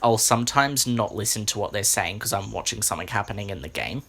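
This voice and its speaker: A young man co-hosting a casual podcast, relaxed and casually swearing. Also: lowish voice, fast talker, vocal fry, slightly rough. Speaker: podcast co-host.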